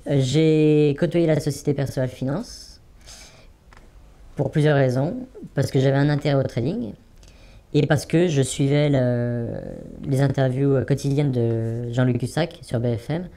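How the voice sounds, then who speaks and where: Man in his 40s, anonymous witness, halting delivery, warm dark tone, repeats himself for emphasis. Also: mid-range voice. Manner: hesitant, many fillers, repeats words for emphasis. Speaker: anonymous former trading student giving testimony. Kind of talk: interview testimony.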